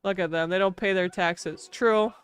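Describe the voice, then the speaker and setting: With a smooth, steady mid-range voice at normal speed, a Wisconsin woman chats casually on her game livestream. Her Wisconsin accent comes through as she laughs frequently and leans heavily on "like."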